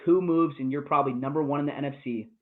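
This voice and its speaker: A man's voice: fairly high pitch, fast talker. A man co-hosting a casual sports podcast, ranting with heavy profanity about his football team. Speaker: podcast co-host. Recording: tinny phone-like call audio.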